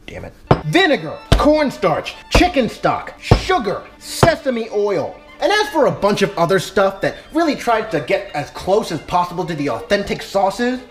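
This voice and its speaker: An irreverent, tipsy cooking host whose pitch swings around in a lively way while giving casual, profane instructions. The delivery is brash and playful, with clear music and a sizzling pan behind it. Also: normal speed. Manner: tipsy, drunk. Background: music and frying sizzle.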